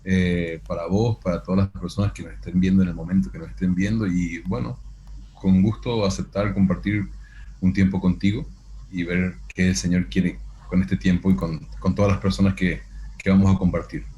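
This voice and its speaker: Deep-voiced man giving earnest testimony. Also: flat delivery, mellow, muffled recording, slight background noise. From Paraguay. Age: 40s. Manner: earnest, measured, with restarts. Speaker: guest, actor and pastor. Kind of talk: testimony in an interview.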